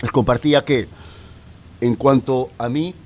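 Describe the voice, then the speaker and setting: A man's voice: mid-range voice, fairly even intonation, unhurried. A man preaching a sermon as pastor, emphatic, with rhetorical questions and repeated key words.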